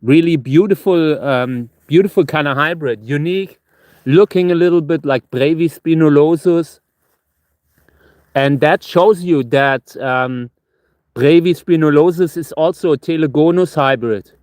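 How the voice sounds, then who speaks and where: Guy rambling on a livestream, tongue numb from chili, stumbles over words, voice a bit high, no room echo. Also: a little mellow, clean studio sound. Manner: halting, repeats and restarts words. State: tongue numb and cramping from hot chili, struggling to talk. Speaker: livestream host. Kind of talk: casual rambling gardening livestream.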